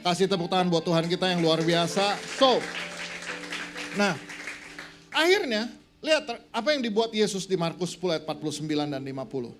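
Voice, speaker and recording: A man's voice: sits high, expressive, a little fast, pauses often, music in the background, a crowd in the background. A man preaching a sermon as pastor at a church service, emphatic and repeating words for stress.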